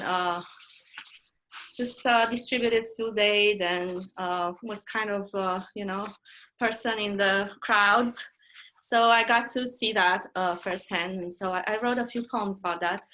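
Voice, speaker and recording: Woman poet in her fifties, friendly intro, reads her own verse, middle pitch. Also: a bit bright. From Romania. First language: Romanian. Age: 50s. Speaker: poet reading her work. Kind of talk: poetry reading.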